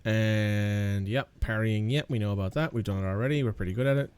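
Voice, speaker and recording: A man's voice: fairly low pitch, a little fast, darkish tone, a little hiss or hum. A man casually commentating while playing a video game, sarcastic and swearing freely. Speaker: gaming channel host. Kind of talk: let's play commentary.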